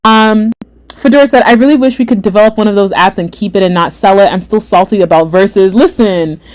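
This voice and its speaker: A young adult woman hosting a casual livestream chat, reading viewer comments aloud, animated and repeating herself often. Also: medium pitch, brisk. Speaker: livestream host.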